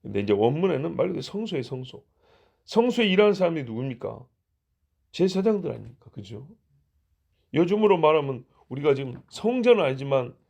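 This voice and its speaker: A man's voice: on the high side, gravelly, darkish tone. A male pastor giving an early-morning sermon in a conversational way, asking the congregation rhetorical questions. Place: church.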